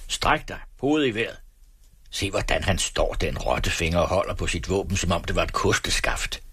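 Low husky man voicing a wry, stubborn ex-soldier farmhand, calm and cheeky. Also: no room sound, heavily acted. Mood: mocking. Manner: plain-spoken, calm and wry. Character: sly, stubborn former cavalryman, a farmhand.

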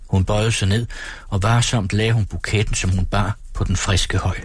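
A man reading a novel aloud as narrator, in a calm, measured way. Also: fairly low pitch, breathy edge, no room sound. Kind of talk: audiobook reading.

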